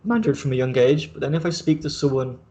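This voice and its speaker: A young adult man hosting a casual chat, talking in a relaxed, rambling way with plenty of filler words. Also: mid-range voice, fast, muffled recording. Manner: relaxed, rambling, heavy use of 'like'. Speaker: host.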